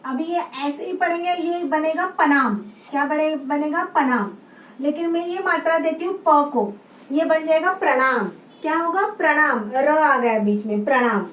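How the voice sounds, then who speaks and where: A woman's voice: sits high, normal speed. A woman teaching a class of young children, patiently repeating each word and quizzing the class on it. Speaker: schoolteacher. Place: room with a writing board. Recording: roomy sound, mic set far off, faint background hum.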